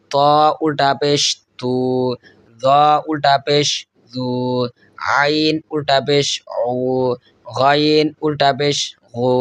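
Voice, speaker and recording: A man with a Bangladeshi Bengali accent teaching Quran reading, spelling out Arabic letters and stretching the syllables in a slow chant, with quick spoken asides in between. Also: a little high, fairly bright tone, clean tone, no room sound. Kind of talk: recitation lesson, spelling out letters.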